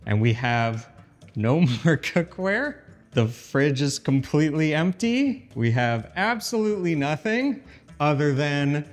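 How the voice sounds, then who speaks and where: A man's voice: fairly high pitch, sing-song, slow pace. An American man chatting casually and informally to camera as a vlog host, in an echoey empty kitchen. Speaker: channel host. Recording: echoey empty room, faint music.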